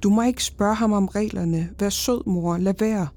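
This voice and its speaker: A scared little boy pleads in a low, hushed voice, as a woman reading a horror story puts him on. The tone is dark and husky, and it stays close to the reader's own voice. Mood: pleading.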